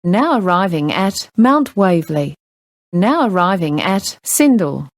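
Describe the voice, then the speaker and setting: A woman with an Australian accent reads automated-style train announcements in a slightly low voice. Her pitch moves up and down in a lively way within short, formal phrases. The words are unhurried and sound spliced together from separate recorded pieces, with a very dry sound. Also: dry recording. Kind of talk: pre-recorded public transport announcements.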